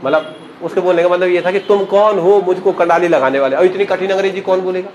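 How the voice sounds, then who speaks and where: A man's voice: sits high, fairly even intonation, fast, darkish tone, highs cut off, slight background noise. A man telling a playful, comic local history story, acting out the characters' lines in different voices.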